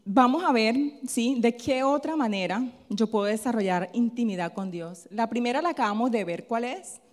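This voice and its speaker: Woman preaching, fairly high voice, asks stuff then answers it herself, lots of "¿sí?", big hall echo. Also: normal speed. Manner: asks the congregation questions and answers them herself, tagging lines with "¿sí?"; tells a personal story in a softer, chatty tone. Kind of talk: sermon with call-and-response questions. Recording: long hall reverb.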